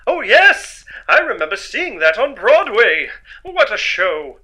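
A man's voice: sits high, big pitch swings, takes it slowly, sharp tone, heavily acted. A man playing Ace Starfield, chipper space hero. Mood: polite, curious. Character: heroic male space ranger, cheerful and earnest. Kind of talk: retro radio serial parody.

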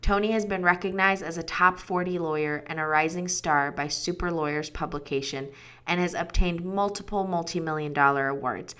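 A woman hosts a podcast, reading her scripted introduction with clear enthusiasm. Her voice sits a touch low. It has a bright, forceful edge. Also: moderate pace. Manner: upbeat, enthusiastic delivery. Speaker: podcast host.

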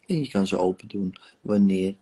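A man's voice: sits low, mellow, breathy edge. A man acting as a therapist, leading a guided emotional regression session with soothing, coaxing words and long sighing exclamations. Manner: soothing, coaxing guidance with drawn-out sighs and exclamations.

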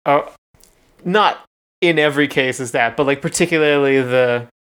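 A man's voice: mid-range voice, moderate pace, fairly bright tone, clean tone. Laid-back man chatting hesitantly. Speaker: podcast co-host. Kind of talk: casual song-breakdown chat.

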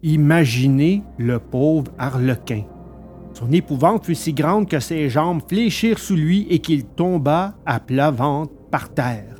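A man narrating a storybook in an animated, expressive way. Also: a little high, slow pace, faint music behind. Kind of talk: storybook reading.

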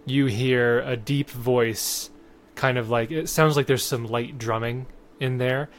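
A man's voice: medium pitch, fairly even intonation, slow, slight background noise. A man narrating a tabletop game as game master, describing the scene to his players.

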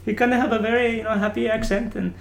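A man in casual chat, telling boot camp stories in an animated way and often saying "like". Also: high-pitched, quick pace, vocal fry, roomy sound. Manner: animated storyteller who often says "like".

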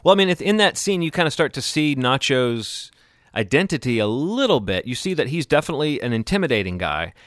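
A podcast co-host talks through a TV episode in a casual, rambling, analytical recap. His medium-pitched voice is very animated, brisk and a bit bright. The studio-quality recording has no echo.

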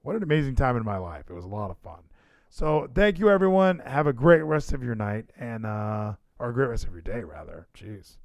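A man's voice: mid-range voice, big pitch swings, brisk, vocal fry, no echo. A man hosting a podcast livestream in casual chat, rambling and emphatic, repeating phrases for effect. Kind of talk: casual wrestling show chat.

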